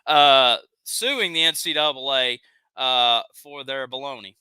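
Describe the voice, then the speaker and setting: A man's voice: mid-range voice, unhurried, bright, forceful tone, clear, resonant tone, no room sound. A man with a Southern accent hosting a live stream, ranting heatedly and reading chat comments aloud. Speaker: live show host.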